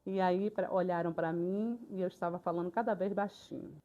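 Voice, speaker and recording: An older woman, a retired teacher telling classroom stories in a lively, colloquial way for a documentary. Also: on the low side, fairly quick. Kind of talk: documentary interview storytelling. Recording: slightly dull, lo-fi sound.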